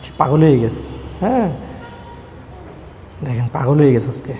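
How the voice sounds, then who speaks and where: A man's voice: medium pitch, very animated, mellow, a little hiss or hum. A man, vlogging at home as he teases his wife and talks aside to his viewers. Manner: teasing, quick, asides to viewers. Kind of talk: casual vlog, talking to camera and wife. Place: home, rooms and rooftop.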